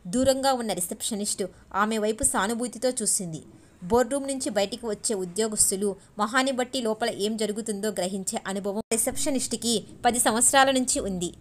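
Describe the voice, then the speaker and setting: A woman narrating a novel as an audiobook, in steady, measured storytelling. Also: a little high. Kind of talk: novel reading.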